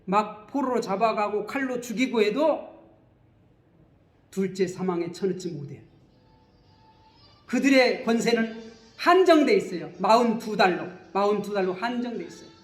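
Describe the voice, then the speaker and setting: High-voiced man preaching a sermon. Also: animated, normal speed, pauses often, echoey room. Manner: keeps asking questions to the congregation and answering them. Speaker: pastor.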